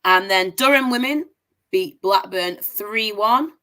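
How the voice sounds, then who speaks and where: Speaking slowly in a medium-pitched, sharp voice, a young Manchester woman with a posh sound runs through scores on her casual livestream roundup. She hosts a women's football review show and reads the results with upbeat enthusiasm.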